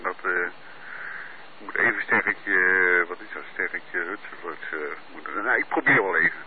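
Low-ish guy on a walkie-type radio, far off and tinny, hissy, halting and hesitant. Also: animated. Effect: heard over a two-way radio link. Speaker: amateur radio operator. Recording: tinny distant radio with clear hiss.

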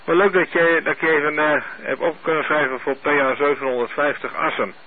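A man running an amateur radio net, heard over a two-way radio link, speaking in a steady, methodical way and spelling out call signs. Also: a little high, brisk. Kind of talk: radio net check-ins. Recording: narrow tinny radio with faint hiss.

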